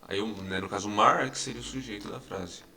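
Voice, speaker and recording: A man's voice: lowish voice, brisk, creaky, bright, forceful tone. A man teaching English grammar in an online lesson. He explains patiently and repeats each example, checking in with his students again and again.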